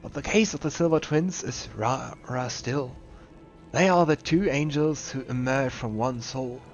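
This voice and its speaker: A muddled old custodian rambles on, drifting between questions and half-remembered boasts, as a man reads him aloud. The voice sits at an ordinary middle pitch. Faint game music plays under a slightly dull, lo-fi recording. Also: unhurried, close to an everyday voice. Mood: rambling. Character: old, confused male museum custodian, rambling.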